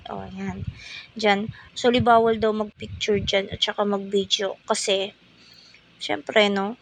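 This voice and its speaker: A young woman, chattily narrating a family day-out vlog in a playful, slangy way. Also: a little high. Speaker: vlogger, mother.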